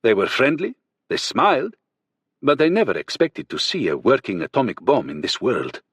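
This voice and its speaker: Husky male audiobook reader, lively delivery. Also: mid-range voice, normal speed, dry recording. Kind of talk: audiobook narration of first-person testimony.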